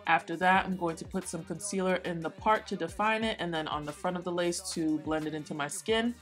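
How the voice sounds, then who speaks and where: A beauty vlogger in her thirties chats playfully while doing a casual wig tutorial in her bedroom, shelves around her indoors. Her voice is fairly low and fairly bright, she talks fairly quickly, and faint music plays behind.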